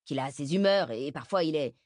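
A woman's voice: sits low, expressive, fairly quick, a little mellow, no room sound, clean studio sound. A woman voicing an awkward, reluctant teenage boy in an audiobook, hesitant and trailing off. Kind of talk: audiobook character voice.

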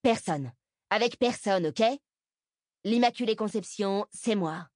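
A woman's voice: mid-range voice, measured pace, darkish tone, no room sound, clean studio sound, voice pushed up, close to an everyday voice. A woman voicing a sullen, exhausted teenage girl who snaps back defensively, in an audiobook. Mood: snappy. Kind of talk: audiobook character voice.

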